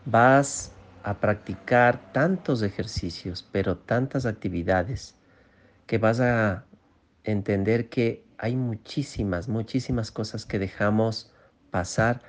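A man teaching a mindfulness course module, gently coaching the listener and checking in often. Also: on the low side. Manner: slow, repetitive, gently coaching with frequent "¿sí?" checks. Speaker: course instructor. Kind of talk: guided mindfulness lesson.

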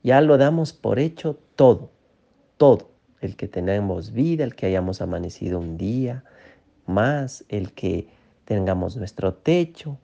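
A man teaching a mindfulness course module, gently coaching the listener and checking in often. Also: lowish voice, gravelly, muffled recording. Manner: slow, repetitive, gently coaching with frequent "¿sí?" checks. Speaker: course instructor. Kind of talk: guided mindfulness lesson.

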